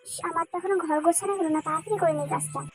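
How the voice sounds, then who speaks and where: A woman's voice: extremely high pitch, slight background noise, rough recording. A woman voicing a sulky, hot-tempered teenage girl in love who takes offence easily, in a dubbed fan drama. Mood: excited. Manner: pouting, quick to take offence.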